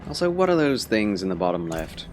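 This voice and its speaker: A man's voice: fairly low pitch, very animated, fairly quick. A man doing casual, playful live gameplay commentary as a streamer, in short muttered reactions. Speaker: game streamer. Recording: streamer voice over loud game music.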